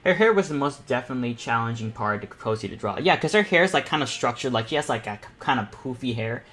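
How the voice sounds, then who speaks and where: A teenage or young adult self-taught artist hosts a painting panel, giving a casual live tutorial while he paints. His medium-pitched voice is expressive, fast and fairly bright as he talks off the cuff, circling back and repeating phrases. He sounds encouraging, like a peer showing others the ropes.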